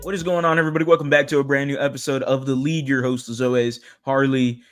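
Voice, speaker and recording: A man's voice: mid-range voice, little pitch movement, fast talker, loud music behind the voice. A man hosting a sports fan podcast, reacting to a clip in a brash, opinionated way and trash-talking rival fans. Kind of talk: casual fan reaction commentary.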